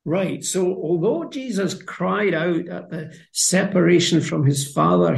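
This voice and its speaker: A man's voice: sits high, vocal fry, darkish tone, roomy sound. A man co-hosting a conversational Bible discussion, explaining passages in a thoughtful, earnest way. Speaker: Bible study co-host.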